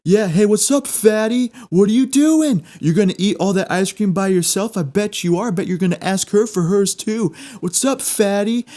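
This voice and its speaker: Man doing a jeering, high-pitched male heckler. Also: normal speed, hardly any pauses, lightly acted. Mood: mocking. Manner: taunting, shouted-out jibes. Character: loud jeering young male heckler, crude and mocking.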